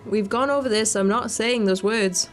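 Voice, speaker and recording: During a video game stream, a woman with a fairly high-pitched voice reads the visual novel's story text expressively at a moderate pace. She peppers it with teasing, crude jokes, and game music plays beneath her.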